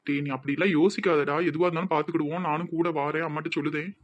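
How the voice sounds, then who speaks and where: A man doing a calm, reassuring village friend with a Tirunelveli accent. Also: a little high, very fast, dull audio, slight background noise, voice pushed down, lightly acted. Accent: Tirunelveli Tamil. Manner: soothing, reassuring, firm. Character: calm, steady young male friend who consoles.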